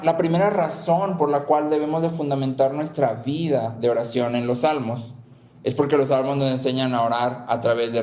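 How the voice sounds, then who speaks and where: A man's voice: mid-range voice, a little mellow, reverberant, a little hiss or hum. A man preaching a sermon who repeats his key phrases and keeps asking the listeners "¿sí?" to check they follow.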